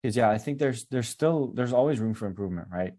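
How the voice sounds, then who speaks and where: Mellow-voiced man coaching on a call. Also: medium pitch, animated, fast. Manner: casual, direct, upbeat advice. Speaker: business coach. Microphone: video call.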